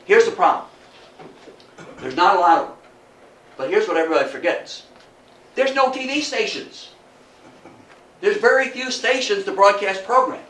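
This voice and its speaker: An older man from Athens, New York, gives an informal local history lecture to a small indoor audience, telling stories emphatically, repeating phrases and posing rhetorical questions. His voice sits high and a bit bright, with lively intonation, normal speed and long pauses. The room is echoey, the mic distant, with faint noise.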